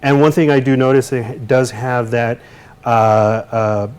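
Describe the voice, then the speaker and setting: A man's voice: mid-range voice, steady tone, a little slow, darkish tone, clear, resonant tone. A man from the United States, a DJ, co-hosting a casual product demo and restating points as he goes. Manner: chatty, asks and restates points. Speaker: co-host, DJ.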